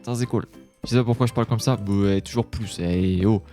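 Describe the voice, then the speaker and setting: A man's voice: fairly low pitch, fairly even intonation, fast talker. Jumpy man narrating his game. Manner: chatty and jumpy, shouting when scared. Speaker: gaming YouTuber. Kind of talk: Let's Play commentary. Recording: faint game music behind.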